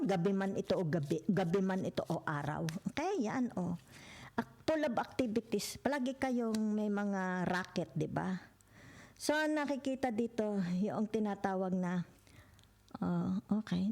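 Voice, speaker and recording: A woman with a Filipino accent giving a relaxed tarot reading to her viewers. She talks in a chatty, conversational way, mixing Tagalog and English and tagging her points with little check-ins like "okay?" and "di ba?". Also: mid-range voice. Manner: chatty, peppered with "okay?", "di ba?" and "yan"; mixes Tagalog and English freely. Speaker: tarot reader.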